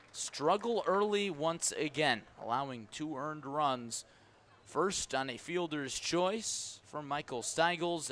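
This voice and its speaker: An American man's voice, on the high side and a bit bright, calls baseball play-by-play live over the radio. The live broadcast picks up background noise and the atmosphere of the ballpark.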